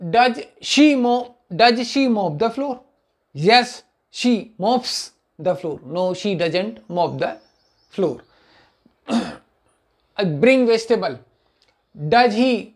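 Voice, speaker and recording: A middle-aged man teaching spoken English online, repeating example sentences slowly and clearing his throat now and then. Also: high-pitched.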